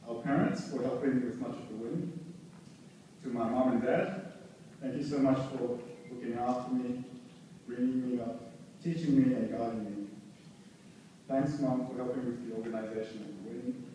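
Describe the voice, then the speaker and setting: A man giving a groom's thank-you speech at a wedding, pausing between phrases. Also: medium pitch, warm tone. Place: large echoing room at wedding reception. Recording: very echoey room, distant mic, noisy.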